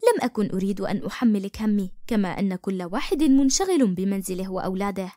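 A woman voicing a weary, sick woman in despair in an animated storybook, speaking in a tired, tearful way. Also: mid-range voice, quick pace, no echo, clean studio sound, close to an everyday voice.

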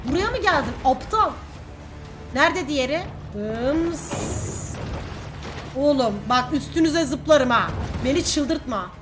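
Woman, gameplay streamer, high pitched, very animated, playful and mouthy. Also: slow, over music. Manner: playful, swears and taunts the game characters. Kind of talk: casual let's-play commentary.

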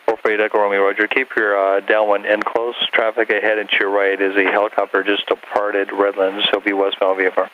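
Male tower controller, rapid clipped instructions, monotone, aviation radio over pilot headset. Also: on the low side, phone-quality sound, a little hiss or hum. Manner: procedural, matter-of-fact. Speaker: air traffic tower controller.

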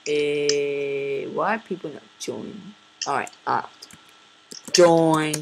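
A woman giving casual commentary over a game she is playing, excitable, often repeating words and laughing. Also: deep voice, slow, creaky, background noise.

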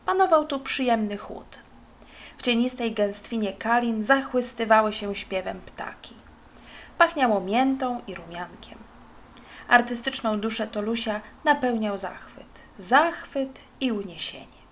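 A woman narrating a children's book in an expressive storytelling manner, moving lively through dialogue. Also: fairly high pitch, a little slow, slight background noise. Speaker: audiobook narrator.

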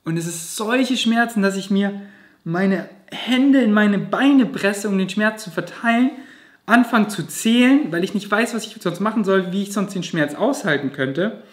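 A man's voice: high voice, animated, normal speed, a bit bright. A man vlogging, telling a personal story to camera in a vivid, emotional way with casual swearing. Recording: roomy echo.

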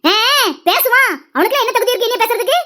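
A sharp-tongued young wife from a cartoon, taunting and picking fights in a Tirunelveli Tamil accent, as a woman acts her out. Her voice is very high and shrill, and she fires off her words at a breakneck pace. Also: fast. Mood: quarrelsome. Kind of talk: cartoon dialogue acting.

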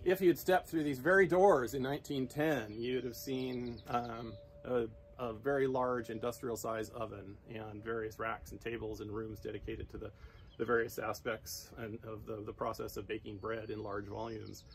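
An older man explaining local history outdoors, unhurried and halting with many fillers. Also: mid-range voice, steady tone, a little hiss or hum, low-quality recording.

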